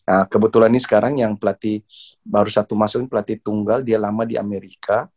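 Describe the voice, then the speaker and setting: A middle-aged man from Indonesia, a badminton coach, telling stories in a relaxed interview, laughing often and repeating words as he searches for them. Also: on the low side, fast talker, background noise. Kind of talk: casual interview storytelling.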